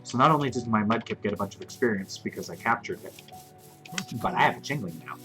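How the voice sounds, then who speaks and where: With a voice on the low side, quick delivery, and lively intonation, this twenty-something streamer narrates his gameplay in a chatty, rambling way. Self-mocking jokes come often, and game music plays behind him.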